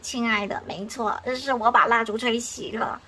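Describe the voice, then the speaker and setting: A woman's voice: a little high, fairly even intonation, moderate pace, sharp tone, slight background noise. Woman reading to a child as a sheepish old great-grandmother. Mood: apologetic, wistful. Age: elderly.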